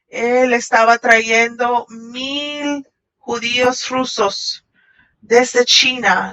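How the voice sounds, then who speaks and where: A woman voicing a Shabbat message in translation, halting at times and restarting. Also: on the high side, fairly bright tone. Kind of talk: translated sermon voice-over. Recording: dull lo-fi audio.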